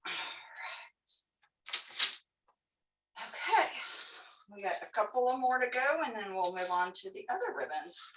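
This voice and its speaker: Bright-voiced woman with soft, w-like r's. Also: a little high, very animated, a little slow, pauses often, slight background noise. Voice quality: soft r sounds, close to w. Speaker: craft class instructor. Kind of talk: casual step-by-step craft demonstration. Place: indoor room, teaching an online class. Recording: echoey room, distant microphone.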